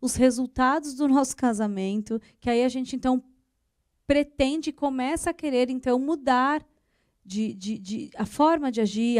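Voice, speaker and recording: A woman with a Brazilian accent talks as a psychologist guest on a TV studio set. Her voice sits high and the sound is dry and close, with no room echo. She explains patiently, often slipping into short acted-out example dialogues. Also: a little mellow. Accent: Brazilian Portuguese. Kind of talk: TV talk show discussion.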